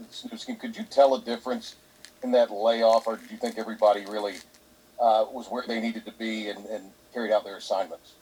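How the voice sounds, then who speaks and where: Brief: male reporter, husky low voice, hesitant question. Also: warm tone, rough recording. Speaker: sports reporter. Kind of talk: press conference question.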